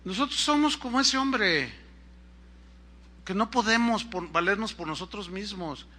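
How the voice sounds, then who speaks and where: A pastor delivers a sermon with lively storytelling. His voice sits high and rings piercingly bright, rising loud and dropping soft as he drives his points home. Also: measured pace. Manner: animated storytelling, swings between loud and soft.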